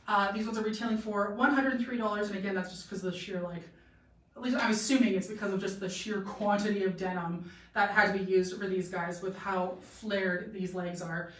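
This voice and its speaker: A chatty young Canadian woman, a boutique model and live-stream host, cheerfully rambles through a clothing try-on in a casual live-stream, peppering her talk with "like" and "um." Her mid-range voice is fairly bright, though her throat is a little sore. Standing back from the camera in a boutique room with a clothing rack, she sounds distant and echoey.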